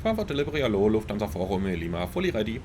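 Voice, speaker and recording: A male airline pilot gives clipped cockpit radio calls and checklist callouts, his pitch moving in a lively way. A faint hiss sits behind his voice. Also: racing.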